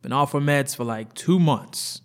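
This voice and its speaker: A man voicing a blunt police officer who briefs a doctor in a loud, forceful rush. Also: medium pitch, measured pace, pitched above the performer's own voice, close to an everyday voice. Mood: exasperated.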